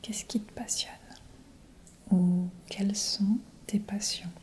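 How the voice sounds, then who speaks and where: Whispering woman teaching, slow and mellow. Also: medium pitch, steady tone. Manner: whispered ASMR teaching, repeating phrases slowly; soft giggles between phrases. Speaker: French teacher. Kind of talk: whispered role-play. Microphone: close binaural mic.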